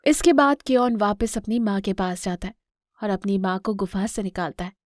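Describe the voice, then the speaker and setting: A woman narrating a scripted children's cartoon story in a clear, expressive storytelling voice. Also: medium pitch, normal speed, dry recording, clean studio sound.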